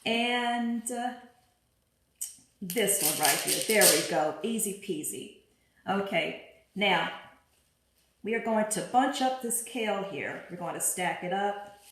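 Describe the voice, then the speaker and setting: A woman's voice: mid-range voice, expressive, takes it slowly, long pauses, fairly bright tone, slight background noise. A woman hosting a home cooking demonstration, chatting upbeat as she works and talking herself through each step. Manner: chatty, upbeat, thinks aloud while working. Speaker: cooking show host. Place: home kitchen. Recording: very echoey room with music behind.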